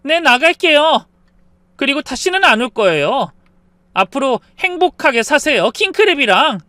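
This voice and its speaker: A man's voice: extremely high pitch, animated, moderate pace, bright, forceful tone, dry recording, heavily acted. A man voicing a fed-up daughter-in-law in a story reading, answering back indignantly and defiantly. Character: fed-up daughter-in-law, wife of ten years.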